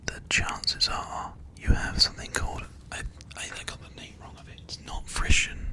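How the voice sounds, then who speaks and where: A streamer speaking in a soft ASMR whisper, chatting casually to viewers one by one on a livestream. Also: moderate pace.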